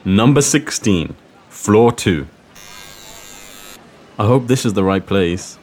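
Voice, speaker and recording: A man hosting a scripted language lesson, speaking slowly and clearly and repeating phrases. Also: lowish voice, expressive, a little mellow. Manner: slow, clear teaching delivery with repeated phrases. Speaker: language teacher and host. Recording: faint guitar music underneath.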